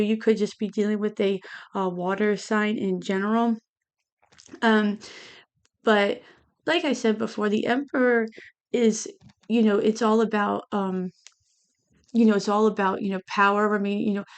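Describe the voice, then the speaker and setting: A woman's voice: medium pitch, clear, resonant tone. A woman giving a casual tarot reading, speaking with a lisp from lingual braces in a hesitant, meandering way. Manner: hesitant, meandering, repeats "you know". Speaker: tarot reader.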